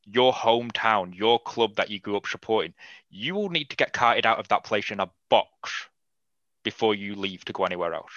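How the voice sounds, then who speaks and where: A man with a bright, forceful voice talks football in a blunt, animated podcast chat, swearing freely. His tone sits a little low. The recording is dry and slightly dull. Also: moderate pace, no echo. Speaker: podcast guest. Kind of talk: casual sports podcast chat.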